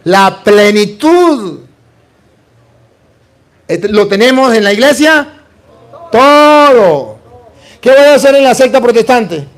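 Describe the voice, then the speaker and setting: A man with a high voice preaches a lively sermon, pressing his listeners with rhetorical questions and call-and-response. He slips in playful little exchanges and lands them with humor. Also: slow pace, long pauses. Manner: humorous, plays out little dialogues.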